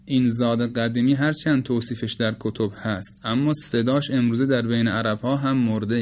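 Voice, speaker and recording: A man with Persian as his first language, teaching the pronunciation of letters in a measured, explanatory lecture and slowly demonstrating sounds. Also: medium pitch, a little mellow, muffled recording. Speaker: teacher of Quranic recitation. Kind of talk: spoken lecture on phonetics.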